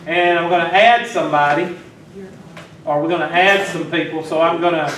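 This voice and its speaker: Teasing teacher in an echoey classroom. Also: male voice, on the high side, fairly bright tone. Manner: teasing, talks to students while working. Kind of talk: classroom lecture. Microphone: far from the mic. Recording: echoey classroom from far off, faint noise.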